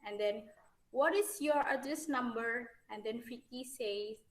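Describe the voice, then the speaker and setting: Woman teacher, classroom lesson, slightly high, echoey room. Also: measured pace. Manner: reads example dialogues aloud, many fillers and "and then". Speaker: English teacher.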